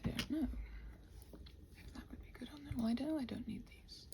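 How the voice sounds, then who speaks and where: Keyboard typing and faint noise fill the background as she mutters through her rambling ASMR work session, frequently dropping to a half-whisper. The host of this body-doubling ramble has a high, gravelly voice and talks a little fast.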